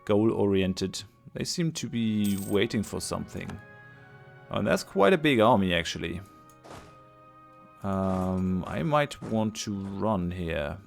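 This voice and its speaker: A man's voice: lowish voice, expressive, slow pace, vocal fry, faint music behind. A man commentating a strategy game as he plays, thinking aloud, hesitant, with many fillers and restarts, his voice tiring. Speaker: let's play host. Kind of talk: casual gameplay commentary.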